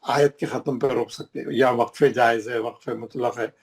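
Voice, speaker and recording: A man's voice: mid-range voice, fairly even intonation, moderate pace, vocal fry, slightly rough. A man teaching a recitation class, explaining rules with emphatic repetition and pointing things out on the page.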